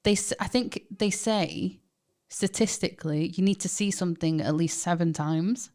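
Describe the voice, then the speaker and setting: Her voice sits on the low side and moves at a moderate pace as she co-hosts a podcast. She's a young Englishwoman with a Manchester accent, chatty and animated in this casual conversation, with frequent laughter.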